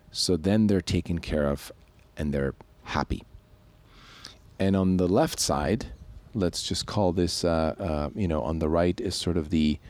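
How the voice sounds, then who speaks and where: Speaking on a relaxed podcast he co-hosts, this man from Switzerland mulls over ideas, often starting sentences again. The sound is dry with no echo, and his low voice has a slightly mellow quality.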